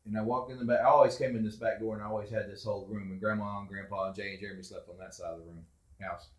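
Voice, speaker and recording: A middle-aged man, a father telling family ghost stories in a casual, animated way, acting out quotes loudly. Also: fairly low pitch, rapid-fire, echoey room. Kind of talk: casual storytelling.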